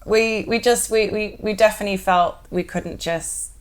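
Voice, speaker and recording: A woman from Zimbabwe co-hosting a casual chat, talkative and quick to laugh. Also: mid-range voice. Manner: chatty, laughs often, speeds up when keen. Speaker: co-host.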